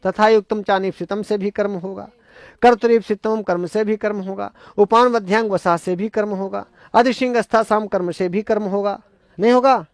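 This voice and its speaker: High-voiced, gravelly Sanskrit teacher, man. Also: fairly even intonation, normal speed, no echo. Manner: emphatic, repetitive, rhetorical questions to students. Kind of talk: exam-prep grammar lecture.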